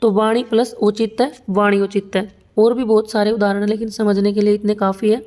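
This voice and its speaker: A woman's voice: medium pitch, little pitch movement, fairly quick, a little mellow. Patient woman teaching Hindi grammar. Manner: patient, explains step by step with repeated checks. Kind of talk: exam-prep lesson at a whiteboard.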